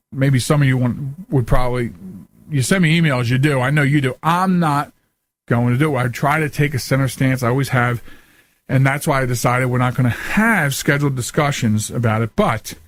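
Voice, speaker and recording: An American man hosts a podcast, talking casually and without a script in a somewhat high voice on a dry recording. He comes across as earnest and emphatic, often repeating himself along the way.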